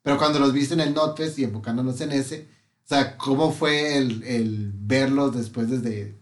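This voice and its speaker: A man's voice: medium pitch, moderate pace, roomy sound. A man with a Mexican accent hosting a casual music chat, asking questions and sharing memories. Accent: Mexican Spanish. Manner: relaxed, asks questions and reminisces.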